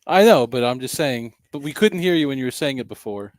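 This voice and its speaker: A man's voice: medium pitch, expressive, fairly quick, no echo. A man in casual group banter, throwing in short dry remarks.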